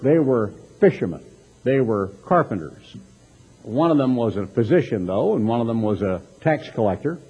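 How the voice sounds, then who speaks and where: Very animated, this Texan preacher reads scripture and comments on it with dramatic emphasis, rhetorical questions and mocking asides. His mid-range voice is mellow and slightly rough, at a normal speed. The recording sounds lo-fi and dull.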